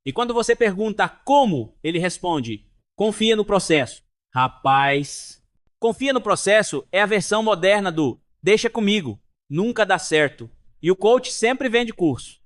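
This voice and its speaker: Brief: high-pitched Brazilian man, folksy comic storyteller, mocks with rhetorical questions. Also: sing-song, a little slow. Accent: Brazilian Portuguese. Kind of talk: joke monologue.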